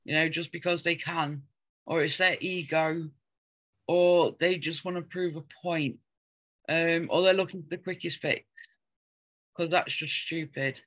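A woman's voice: deep voice, fairly even intonation, unhurried, a bit bright, muffled recording. A woman co-hosting a casual chat, talking earnestly and rambling with frequent ums. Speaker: podcast co-host.

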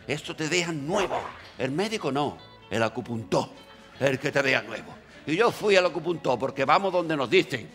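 A man telling a comic story in a stand-up monologue, acting out the dialogue quickly. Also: mid-range voice, animated, fairly bright tone, faint music behind. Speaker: stand-up comedian.

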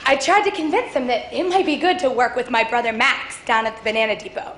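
A woman plays a ballplayer's wife who looks back with a wistful, confiding air in a stage monologue. Her voice sits high. It echoes through a large hall, with faint room sound behind it. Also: lively intonation, quick pace, a bit bright, a little hiss or hum. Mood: reflective. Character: long-suffering baseball player's wife. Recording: echoey auditorium, faint ambience.

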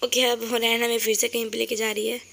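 A Pakistani woman with a sore throat narrates a casual shopping vlog as a voice-over recorded later indoors, cheerfully chatting and pointing things out to viewers. Her voice sits on the high side with vocal fry and a fairly bright tone, delivered flatly and fast.

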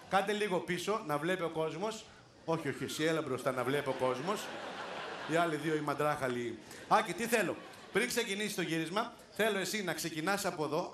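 A male host of a live comedy show, his voice a little high and fairly bright, brings volunteers from the audience onto a large theater stage and teases them in a playful way, laughing often. Echo and crowd noise fill the live recording.

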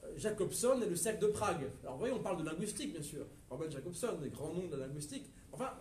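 A man with a French accent giving a history lecture to a live audience, lively and digressive, with hesitations and asides to the listeners. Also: a little high, quick pace, a little hiss or hum. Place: lecture room at a university research center. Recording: echoey lecture room from far off, faint ambience.

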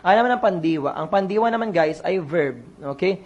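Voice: mid-range voice, expressive, quick pace, darkish tone, slightly rough. A coach running an online exam review lesson, quizzing the listeners and repeating each answer to drill it in.

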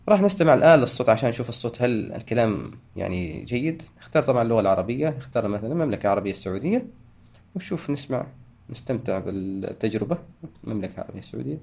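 A man hosting a software tutorial, talking through each step and correcting himself as he goes. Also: medium pitch, creaky. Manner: talks through steps, frequent restarts and self-corrections. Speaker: tutorial host. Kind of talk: screen-recorded software tutorial.

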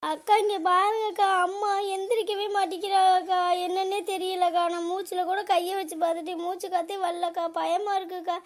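Woman doing a squeaky fast-talking cartoon daughter, wailing, accusing, monotone whine. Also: natural voice. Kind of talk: cartoon comedy voice acting.

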